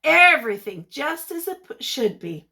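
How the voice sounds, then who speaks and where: This woman's voice sits high as she reads a picture book like a classroom teacher. She keeps it expressive and encouraging, and stops to quiz the young children listening.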